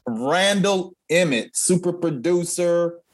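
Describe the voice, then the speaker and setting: Playful male co-host, slightly high voice, unhurried delivery, casual banter. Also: lively intonation. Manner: upbeat, playful, laughs often. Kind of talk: casual podcast chat.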